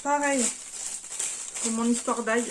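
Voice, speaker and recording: A woman's voice: a little high, fairly even intonation, slow pace, a little hiss or hum. A French woman chatting casually in an unboxing vlog, hesitant and full of fillers, apologizing now and then. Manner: chatty, hesitant with many fillers, self-deprecating. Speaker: vlogger.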